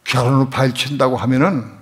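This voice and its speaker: A middle-aged male pastor preaching a sermon, telling a personal story with strong emotion, dropping to a hush and then rising to loud emphasis. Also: mid-range voice, fairly even intonation, fairly quick.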